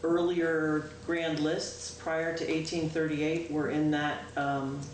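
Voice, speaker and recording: Recorded on a distant room microphone, this echoey, noisy local-access clip catches a female town clerk reporting informally to the town board at a public meeting in the meeting room. She is loud and low-pitched with a flat delivery, chatty, often saying "um" and correcting herself.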